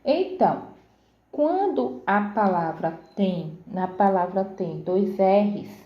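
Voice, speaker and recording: A woman's voice: medium pitch, echoey room, highs cut off. A woman teaching a grammar lesson to pupils, sounding out words syllable by syllable and checking in often. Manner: slow, careful syllable-by-syllable explanations with frequent "certo?".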